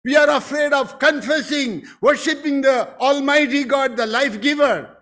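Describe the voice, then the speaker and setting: A man's voice: extremely high pitch, moderate pace, fairly bright tone. A man preaching a sermon as pastor, emphatic and rising into exclamations.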